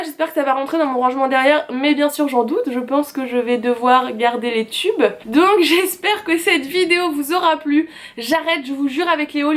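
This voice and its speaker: A young woman from France showing off craft purchases in a casual, chatty, self-mocking way, with sighs and fillers. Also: high voice. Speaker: craft vlogger. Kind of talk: casual haul video.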